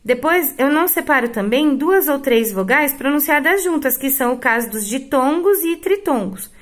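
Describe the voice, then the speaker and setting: Brazilian lady teacher recording a class video, fairly high voice, drags out example words slow and keeps going "tá?". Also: expressive. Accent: Brazilian Portuguese. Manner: affectionate, drawn-out example words with frequent "tá?" check-ins. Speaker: school Portuguese teacher. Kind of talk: recorded remote lesson.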